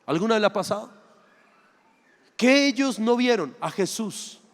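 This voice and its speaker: A man preaching, his voice sitting high for a man. He is dramatic and theatrical, acting out little dialogues and asking the crowd rhetorical questions. His voice rings with long reverb in a big hall. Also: lively intonation, moderate pace. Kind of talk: sermon.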